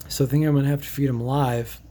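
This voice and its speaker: A man's voice: mid-range voice, steady tone, fast, mellow. A man casually touring his home fish tank, rambling and thinking aloud with fillers and restarts. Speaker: aquarium hobbyist vlogger. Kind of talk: casual tank tour vlog. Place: indoors beside a fish tank.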